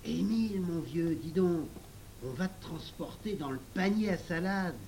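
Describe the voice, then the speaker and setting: A man reading a storybook and voicing a cheeky, excitable boy. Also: high-pitched, measured pace, slight background noise, pitched above the performer's own voice, low-quality recording.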